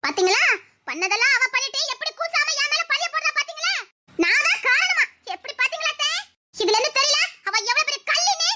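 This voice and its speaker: A woman's voice: very high-pitched, animated, fairly quick, pushed and bright, exaggerated voice. A woman voicing a spiteful, scheming sister-in-law in a cartoon, accusing and scornful.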